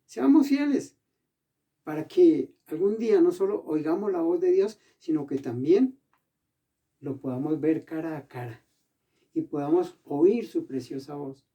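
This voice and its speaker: Male preacher giving a sermon, emphatic, reads verses slowly; mellow dark tone, a bit off-mic. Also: on the high side, lively intonation, recorded from a distance, dull audio. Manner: preaching with emphatic bursts, slowing to read scripture.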